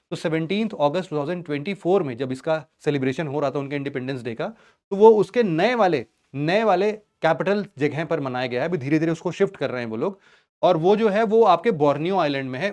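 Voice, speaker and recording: A man's voice: on the high side, a little mellow. A man teaching a geography lesson in Hindi, casually quizzing his students with rhetorical questions and jokes. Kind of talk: online exam-prep lecture.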